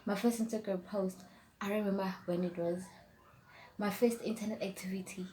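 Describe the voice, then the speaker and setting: A young South African YouTuber whose first language is Setswana rambles chattily through a tag video, dropping into whispers as she reads the questions. Her mid-range, mellow voice keeps fairly even intonation at a normal speed over slight background noise.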